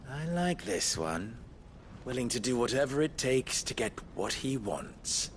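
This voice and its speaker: A man's voice: medium pitch, big pitch swings, a little hiss or hum. A man playing a smug, swaggering young merchant in a mocking, pompous, theatrical period fantasy drama style. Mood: taunting, gloating. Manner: mocking, pompous, drawn-out delivery.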